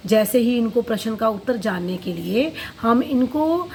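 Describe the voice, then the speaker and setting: Woman, fairly high voice, past-life regression therapist, storytelling, quoting a client's session, faint hiss behind. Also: animated, moderate pace, darkish tone, low-quality recording. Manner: storytelling, quotes client and herself in turns.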